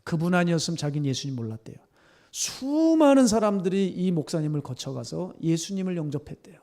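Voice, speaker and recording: A man preaching a sermon as pastor, telling a story that swings from soft near-whispers to tearful, fervent climaxes. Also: a little high, very animated, fairly quick. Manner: storytelling, rising to emotional fervor, dropping to soft near-whispers.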